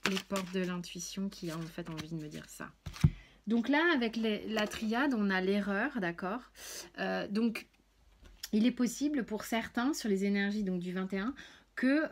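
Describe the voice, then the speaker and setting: A woman's voice: medium pitch, slight background noise. Chatty woman reading tarot. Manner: chatty, hesitant, many fillers and restarts. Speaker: tarot reader. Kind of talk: casual tarot reading video.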